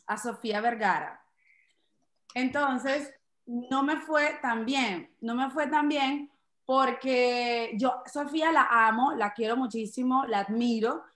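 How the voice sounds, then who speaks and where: A woman's voice: high-pitched, a bit bright, reverberant. A woman from Venezuela with a Venezuelan Spanish accent, performing a playful, self-mocking stand-up comedy set.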